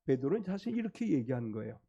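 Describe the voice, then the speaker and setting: A man's voice: medium pitch, big pitch swings, fast, creaky, dark tone, breathy edge, highs cut off. A male pastor preaching a sermon, explaining the text emphatically and acting out quotes.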